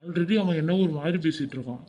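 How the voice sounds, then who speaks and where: A man voicing a loyal male college friend in a cartoon, loud and rebuking, with a fast delivery. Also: a little high, close to an everyday voice. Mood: reassuring. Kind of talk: cartoon voice acting.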